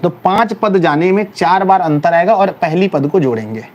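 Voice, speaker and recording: A middle-aged man teaching math in a classroom, in a lively, teasing way, calling his students "my child". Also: high-pitched, moderate pace, lo-fi sound. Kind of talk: classroom lecture. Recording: faint background noise with passing vehicles.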